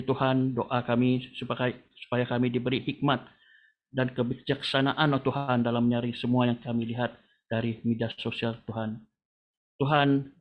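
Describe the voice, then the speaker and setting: A man leading a congregation in a long spoken prayer, calling on the Lord after nearly every phrase. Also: medium pitch. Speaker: prayer leader. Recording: tinny phone-like line.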